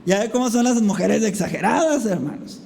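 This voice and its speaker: A man's voice: sits high, animated, fairly quick, vocal fry, a little mellow, a little hiss or hum. A male pastor preaching a conversational sermon at a church service, telling a story and often calling the congregation brothers. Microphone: recorded preaching mic.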